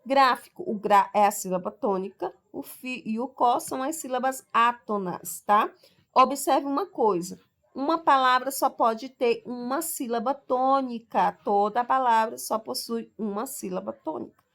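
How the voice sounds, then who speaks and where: A Brazilian woman teacher gives a recorded lesson to sixth graders, walking through it step by step and stretching out each example word slowly. She often checks in with "tá?" and "ok?", and her voice is on the high side and a bit bright.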